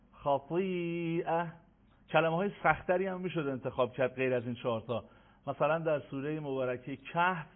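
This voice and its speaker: Man teaching sounds over tinny audio. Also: medium pitch. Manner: slow, emphatic drilling of sounds for repetition. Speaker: Quran recitation teacher. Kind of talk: online lesson on Arabic letter pronunciation.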